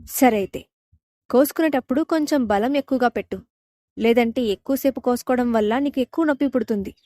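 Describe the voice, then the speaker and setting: A woman reading the part of a calm, controlling young man in a romance audio story, speaking firmly. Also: on the high side, brisk, dry recording, studio quality, lightly acted. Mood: coolly mocking. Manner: calm, firm, sometimes shouting.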